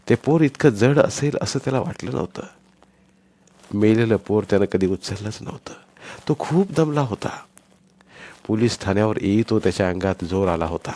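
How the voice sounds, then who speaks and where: Low-voiced male storyteller, dry sound. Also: a little mellow, no echo. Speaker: audiobook narrator. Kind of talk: scripted story narration.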